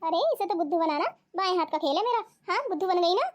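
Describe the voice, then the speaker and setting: A woman's voice: very high-pitched, expressive, fast. A woman voicing Babita, a whiny scheming cartoon wife. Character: jealous poor young wife, scheming and complaining. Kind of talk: cartoon voice acting.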